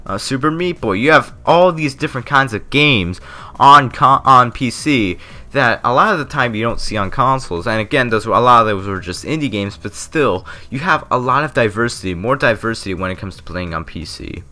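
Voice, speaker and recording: Animated and a little fast, a man shares casual, rambling gaming commentary as a video creator, his mid-range voice pushed and bright. Dental Novocaine has left his lip numb, so his speech is slightly off and he stumbles over some words.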